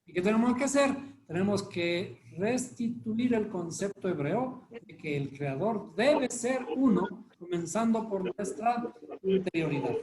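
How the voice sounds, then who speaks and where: A man's voice: high-pitched, animated, measured pace, a little mellow. A man teaching a live Bible study class, constantly quizzing his listeners with rhetorical questions. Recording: echoey room with faint noise.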